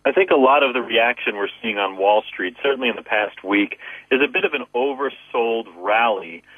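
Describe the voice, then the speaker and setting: A wealth manager appearing as a guest analyst offers market commentary in a phone interview. His voice is mid-range and a bit bright, at a moderate pace, heard over a narrow, tinny phone line.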